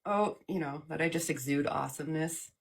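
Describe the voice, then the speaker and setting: A woman's voice: low voice, fairly quick, vocal fry, husky, exaggerated voice. A woman channeling the male god Apollo in a live interview, talking in a loose, jokey way with laughs between phrases. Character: playful trickster sun god Apollo, male, cheerful and upbeat.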